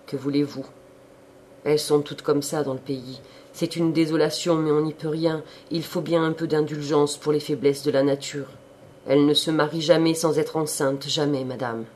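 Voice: mid-range voice, steady tone, normal speed, darkish tone, slight background noise, lightly acted. Brief: reader doing a moralizing, slyly cajoling old country priest, classic-novel audiobook. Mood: sly sermonizing. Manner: sermonizing, wry and cajoling.

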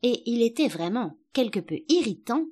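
A woman narrating a storybook in a measured, expressive reading. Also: fairly high pitch. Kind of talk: scripted audiobook narration.

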